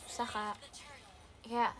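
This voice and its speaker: A young woman with an Indonesian accent, chatting casually and excitably with viewers on a livestream, mixing in English phrases. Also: fairly high pitch, takes it slowly, background noise. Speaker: idol livestream host.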